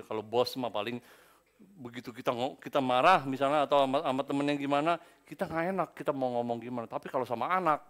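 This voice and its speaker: A man preaching a sermon in a church service, acting out quoted people and swinging between low asides and loud exclamations. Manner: playful, acts out quoted people. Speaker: pastor.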